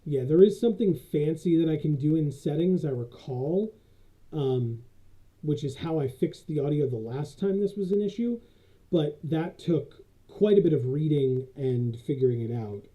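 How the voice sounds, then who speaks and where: A man streaming live, chatting casually and haltingly with many fillers, his voice muffled as if he is talking through a tube. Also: a little high, expressive, dark tone. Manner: rambling, halting, many fillers and self-corrections. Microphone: built-in USB camera microphone. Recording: dull lo-fi USB camera microphone.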